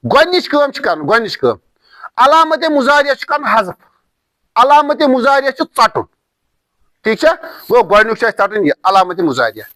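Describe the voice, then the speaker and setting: A man teaches an Arabic lesson, repeating each form patiently and stressing his examples. His voice sits very high for a man and sounds bright and forceful. The recording is close and dry. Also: very animated, no echo. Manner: slow, repetitive drilling of word forms, emphatic examples.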